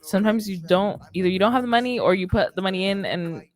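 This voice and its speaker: A young woman hosts a radio show in a curtained indoor studio, speaking fast at a medium pitch with faint music playing behind her. Her chat is casual and rambling, loaded with slang, like a laid-back podcast. She's wearing a headset and talking into a close studio mic on a boom arm.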